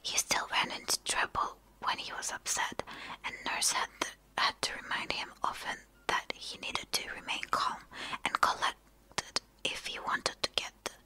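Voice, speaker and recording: A woman whispering quickly as she reads a story aloud for ASMR, a native Turkish speaker who sometimes stumbles over and repeats words. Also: pushed and bright, poor audio. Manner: fast whispering. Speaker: ASMR reader.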